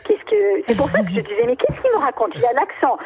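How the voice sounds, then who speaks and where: A woman's voice: sits high, very animated, fast, creaky. A woman on a phone call, hesitant and stumbling over her words. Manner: hesitant, then amused. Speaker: caller. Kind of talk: phone conversation. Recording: muffled phone line.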